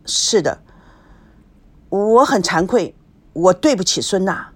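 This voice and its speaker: A woman's voice: medium pitch, expressive, slow, breathy edge. A woman voicing a nervous, remorseful young man who apologizes hesitantly and stammers.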